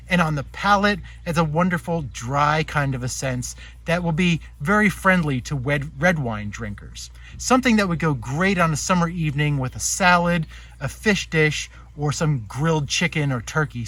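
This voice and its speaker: A man's voice: fairly high pitch, fairly bright tone, no room sound. A man hosting a wine tasting, explaining in an informative, conversational way and often checking for agreement. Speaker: host and presenter of a wine tasting. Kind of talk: informative product presentation with casual tasting chat.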